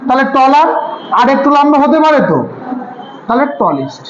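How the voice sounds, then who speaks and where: A man's voice: extremely high pitch, sing-song, normal speed, slight background noise. A man tutoring a class on grammar, asking his students questions and answering them himself. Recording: echoey room, slightly dull sound.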